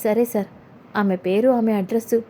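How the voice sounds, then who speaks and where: A woman's voice: mid-range voice, fairly even intonation, moderate pace, mellow, a little hiss or hum, close to an everyday voice. A woman voicing a dutiful male assistant in a retold serial, speaking deferentially.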